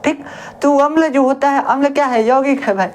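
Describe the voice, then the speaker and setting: A woman's voice: high voice, moderate pace, a little mellow, a little hiss or hum. A woman science teacher, explaining a lesson in a chatty, homely way. She keeps asking questions, answering them herself and repeating the key words. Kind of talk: classroom-style lesson.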